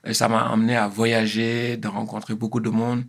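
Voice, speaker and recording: A man, speaking as an interview guest in a measured, hesitant way with many pauses and restarts. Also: on the low side, monotone, gravelly. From Senegal. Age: 50s. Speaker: interview guest, engineer and consultant. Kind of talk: casual interview.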